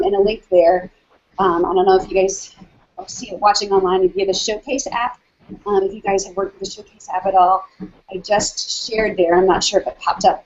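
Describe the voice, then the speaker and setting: A woman's voice: mid-range voice, darkish tone, husky. A woman hosting a casual video call chat, slightly out of breath from walking, talking with many ums and restarts. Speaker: hangout host. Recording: dull lo-fi video call audio.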